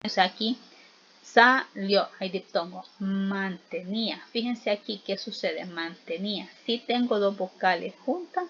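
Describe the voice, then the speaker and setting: Lady teacher walking students through spelling, super slow and patient, kinda muffled audio. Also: medium pitch, expressive, fairly bright tone, slightly rough. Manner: slow, patient explaining with frequent check-in questions. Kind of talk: spelling lesson.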